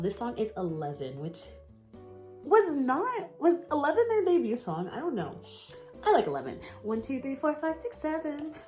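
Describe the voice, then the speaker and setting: A young American woman chatting casually in a vlog, rambling and gushing with lots of fillers and giggles. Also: on the low side. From United States. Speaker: vlogger. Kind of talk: casual chat.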